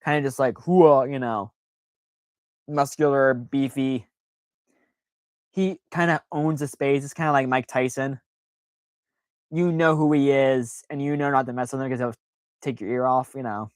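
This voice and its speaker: A man's voice: medium pitch, steady tone, moderate pace, long pauses, no echo. A man hosting a casual live stream, talking in a rambling, self-deprecating way with lots of fillers.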